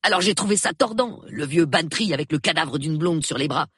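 A man reading an audiobook, voicing a nervy, sulky young artist who talks in a rushed, shaky, sullen way. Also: on the high side, animated, fairly bright tone, breathy edge, no room sound, studio quality, pitched above the performer's own voice. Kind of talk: audiobook character voice.

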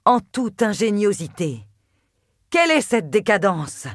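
A woman's voice: mid-range voice, sing-song, unhurried, no room sound, studio quality. A woman voicing a proud, cold, furious goddess in an audiobook, speaking in a cutting, imperious way. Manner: cutting, imperious, spits words. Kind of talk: audiobook character voice.

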